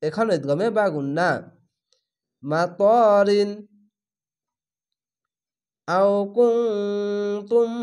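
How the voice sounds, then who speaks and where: A man with a notably high voice leads a step-by-step Quran reading lesson. He draws recited words out at a very slow pace, then drops into plain, patient explanation of each reading rule. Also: darkish tone.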